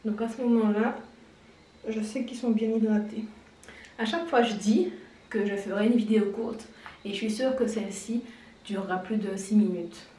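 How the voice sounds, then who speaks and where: Woman vlogger, casual explainer, mid pitch, distant and roomy sound. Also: steady tone, moderate pace, long pauses, mellow, a little hiss or hum. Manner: chatty, explanatory, laughs at herself. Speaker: beauty vlogger. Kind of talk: casual hair-care tutorial. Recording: very echoey room, distant mic.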